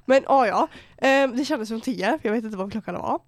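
This podcast host is a teenage girl from Borås, Sweden, not yet eighteen, spinning a casual story packed with slang, swear words and quoted voices she acts out. Her voice is on the high side, and the recording is dry and studio-clean.

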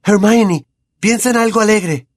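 A man performs a brave teenage boy wizard in an audiobook, his voice pushed up high and straining. He speaks with a Latin American accent and a slightly husky edge, calling out in urgent, pleading shouts. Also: moderate pace. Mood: desperate shouting. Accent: Latin American Spanish.

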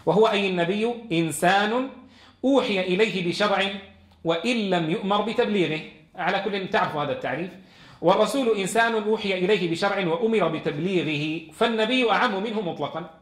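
Fast high-voiced man teaching in a classroom. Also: fairly bright tone, reverberant. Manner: reads quoted text, then explains it with questions to the class. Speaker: Quran teacher. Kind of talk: classroom lesson explaining a text.

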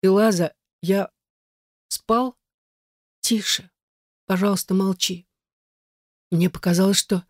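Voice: medium pitch, fairly even intonation, slow, pauses often, no room sound, studio quality, voice pushed up, lightly acted. A reader voicing a bound, desperate young man in an audiobook, crying out in a strained voice. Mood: anxious. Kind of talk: audiobook reading.

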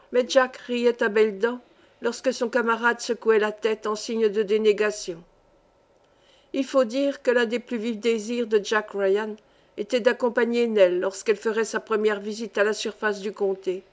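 A woman narrates a classic adventure novel as an audiobook. Her voice sits fairly high, and she reads in measured, clearly shaped phrases. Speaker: audiobook reader.

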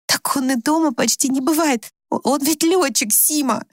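A woman's voice: sits high, normal speed, no echo, studio quality, pitched above the performer's own voice, close to an everyday voice. A woman voicing a timid, tearful wife in her thirties who pleads meekly. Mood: earnest. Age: 30s. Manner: pleading, meek.

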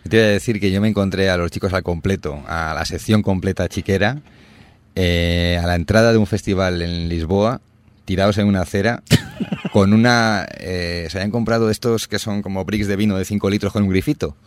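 A man's voice: low-pitched, brisk. A man hosting a community radio music show, telling rambling anecdotes in casual chat. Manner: rambling anecdotal storytelling, animated.

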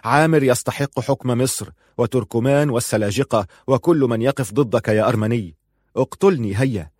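A rebellious young son shouts his defiance, as a male narrator plays him. He sounds loud, harsh and unhinged. This storybook figure spits out his words. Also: lowish voice, dry recording, clean studio sound, close to an everyday voice.

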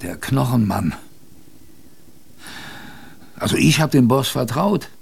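Speaking slowly with lively intonation, a man uses a creaky, slightly rough, exaggerated mid-range voice to play a sailor in a radio drama. The character is wry and plain-spoken, telling his expedition story colloquially and chattily as he addresses the listener head-on. Faint background ambience sits under the recording.

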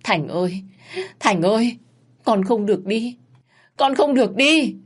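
A woman's voice: lively intonation, normal speed, slightly rough. A woman voicing a grieving, furious older mother who wails and screams accusations in a storybook reading. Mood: wailing, furious. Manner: wailing, shrill accusations.

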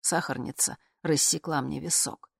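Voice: mid-range voice, steady tone, normal speed, gravelly, no echo. Dramatic audiobook narrator, dry close sound. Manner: dramatic, tormented, shifts from muted to loud.

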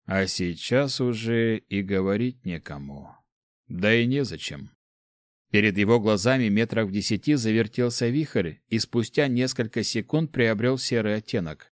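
A man narrating a fantasy audiobook in a measured, even reading. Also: lowish voice, no room sound, studio quality.

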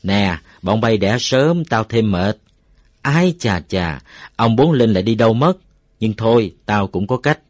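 A man voicing a cheerful, crafty middle-aged village farmer who talks loudly and playfully in a dry, close recording. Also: lowish voice, expressive, unhurried, dry recording. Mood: grumbling jokey. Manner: loud, playful, shouting to the village.

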